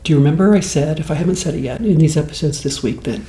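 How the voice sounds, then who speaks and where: Soft-spoken man in his fifties. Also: on the high side, roomy sound. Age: 50s. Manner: slow, rambling, conversational. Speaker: host. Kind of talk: soft-spoken ASMR talk.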